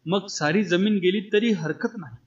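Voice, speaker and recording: A man narrating an audiobook story voices an arrogant village headman who speaks angrily but in a low voice. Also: moderate pace, natural voice. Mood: brooding. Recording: dull lo-fi.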